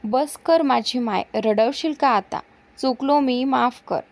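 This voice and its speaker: Woman voicing a slow teasing young man. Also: high voice. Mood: teasing, pleading.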